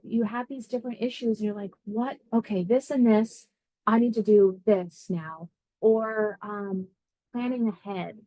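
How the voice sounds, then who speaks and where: Speaking as an air traffic controller in an informal career interview, a woman talks through her job casually and thinks out loud along the way. She has a medium-pitched, slightly mellow voice, captured dry on poor-quality audio.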